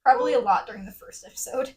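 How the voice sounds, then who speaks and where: Easygoing high-voiced young woman. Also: very fast, darkish tone, rough recording. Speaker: podcast co-host. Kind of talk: casual chat.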